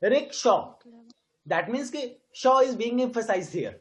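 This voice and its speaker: A woman's voice: on the high side, big pitch swings, poor audio. Woman with an Indian accent teaching English grammar. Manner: mixes Hindi and English, slows right down to model stressed words; quizzes the students with frequent questions. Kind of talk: classroom grammar lesson.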